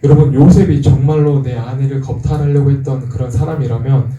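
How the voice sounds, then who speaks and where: Mellow-voiced Korean pastor preaching from afar. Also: male voice, mid-range voice, fairly even intonation, fairly quick, muffled recording. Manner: conversational, asks the congregation questions. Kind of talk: sermon. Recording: echoey room from far off.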